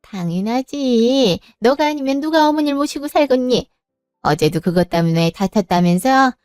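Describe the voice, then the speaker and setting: Woman voicing older mother-in-law, firm n reassuring, smooth slightly high voice, dry sound. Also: expressive, normal speed, darkish tone, dry recording, soft background music. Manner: firm, scolding yet reassuring.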